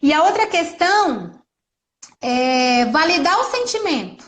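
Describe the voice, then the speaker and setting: Brief: high-pitched woman, earnest, conversational parenting talk. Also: very animated, unhurried. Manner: earnest, acts out gentle mother quotes. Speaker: guest speaker on parenting. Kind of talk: casual conversation.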